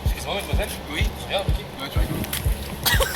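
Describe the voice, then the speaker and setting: A man's voice: high voice, huge pitch swings, a little fast. A man putting on the voice of a brash, flirty woman who acts mock-offended, teasing in a camp, laughing way. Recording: loud music behind.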